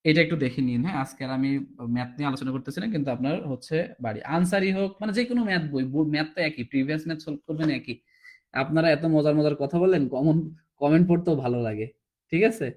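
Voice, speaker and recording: A man's voice: a little high, quick pace, darkish tone. A man teaching a recorded exam-prep class, explaining step by step and often asking "ঠিক আছে?", sounding tired. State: tired, low on energy.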